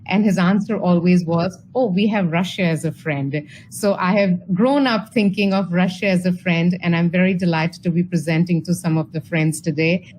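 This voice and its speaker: A woman's voice: on the low side, fairly even intonation, moderate pace, a little mellow, slight background noise, low-quality recording. A woman from India giving an online presentation over a video call, chatty and full of fillers and restarts. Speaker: speaker at an online talk.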